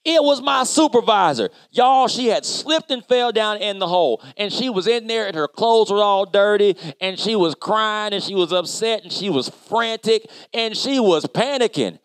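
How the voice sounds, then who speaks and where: Construction worker, kids' Bible storyteller, animated, high voice, dry close sound. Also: male voice, moderate pace, hardly any pauses, clear, resonant tone, no room sound. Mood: lively. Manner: animated, chatty, addresses kids directly. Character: upbeat male construction worker telling kids a story. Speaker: children's church storyteller.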